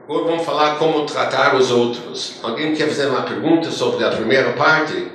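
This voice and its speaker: A man lecturing as a rabbi, telling stories with emphatic rising phrases that trail off quietly. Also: mid-range voice, moderate pace. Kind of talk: religious lecture. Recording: echoey hall with faint room noise.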